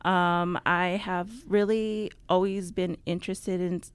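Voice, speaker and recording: A young woman from New Mexico talks as a radio interview guest, her voice smooth and slightly low. She fills her sentences with ums and laughs easily. The studio sound is dry and close. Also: flat delivery, slow, no echo. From Navajo, New Mexico. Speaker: guest, outreach coordinator. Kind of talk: casual interview talk.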